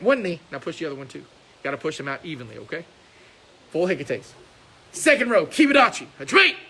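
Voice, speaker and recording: Bright-voiced man barking karate commands. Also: on the high side. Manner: loud barked commands and upbeat encouragement. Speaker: karate instructor. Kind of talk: live coaching of a class. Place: training hall with mirrors.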